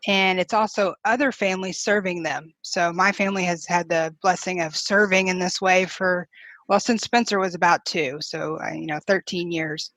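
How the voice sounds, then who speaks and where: Woman, 40s, interview guest, slightly low pitch, dry sound, chatty and easygoing. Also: fairly even intonation, moderate pace, dry recording. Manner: warm, chatty, with light laughs and fillers. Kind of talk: casual interview.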